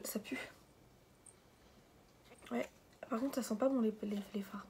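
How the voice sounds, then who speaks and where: A woman's voice: on the high side, steady tone, slow pace, darkish tone, a little hiss or hum. Chatty young woman reviewing makeup. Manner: chatty, rambling, self-mocking. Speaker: beauty vlogger. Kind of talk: casual makeup review vlog.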